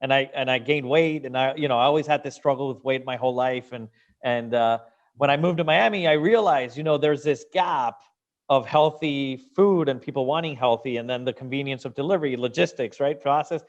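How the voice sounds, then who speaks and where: A man's voice: mid-range voice, a little fast. Venezuelan-born man with lo-fi sound. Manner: animated, repeats words as he restarts sentences. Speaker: guest, business founder. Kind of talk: interview conversation.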